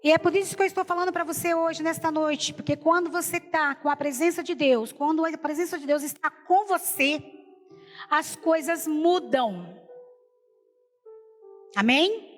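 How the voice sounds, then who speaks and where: Brazilian woman preaching, high voice, long hall echo, soft music under. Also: normal speed. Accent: Brazilian Portuguese. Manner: storytelling, repeats "falei assim". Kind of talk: sermon testimony.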